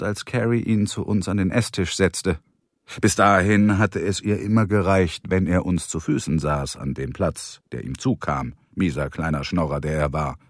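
A man's voice: on the low side, no room sound. A man reading a first-person story aloud in a dry, sardonic manner. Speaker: narrator. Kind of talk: first-person audiobook narration.

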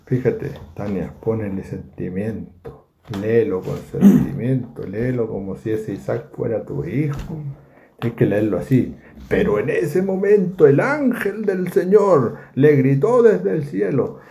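A man's voice: medium pitch, unhurried, gravelly, a little hiss or hum. A man teaching a verse-by-verse Bible study, speaking animatedly and acting out the scenes he describes. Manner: animated, acts out the scripture scenes. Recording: echoey, dull lo-fi room recording.

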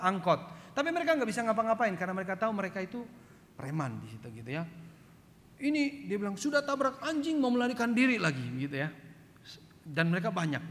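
A man from Flores in eastern Indonesia preaches in a church hall, telling a story with a voice pitched a little high. He acts out the quoted lines and keeps checking in with "gitu ya". A long reverb trails his words, with a faint low rumble underneath. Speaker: pastor. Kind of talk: sermon.

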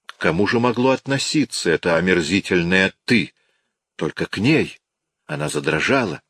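Deep-voiced male audiobook narrator. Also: animated, gravelly, a bit bright, no echo, studio quality. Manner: measured, dramatic reading. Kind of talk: scripted narration.

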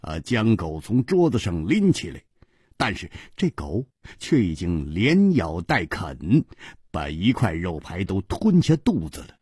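Husky guy telling a story, slow, voice goes all over the place, dry close sound. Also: low voice, no room sound. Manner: expressive, swinging between loud and hushed. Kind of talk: traditional Chinese storytelling.

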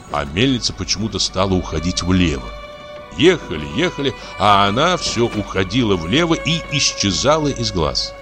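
Male audiobook narrator, very deep and lively in pitch, expressive, with music under. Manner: expressive, storytelling. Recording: narration over background music.

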